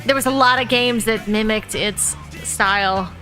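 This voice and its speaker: A woman's voice: medium pitch, measured pace, bright, forceful tone, soft background music, rough recording. A woman co-hosting a casual podcast, teasing the others and swearing playfully. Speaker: podcast co-host.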